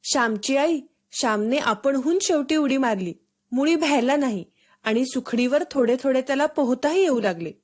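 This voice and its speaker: A woman's voice: sits high, lively intonation, moderate pace, darkish tone. A woman voicing an eager village boy in a storybook reading, urging his friend on.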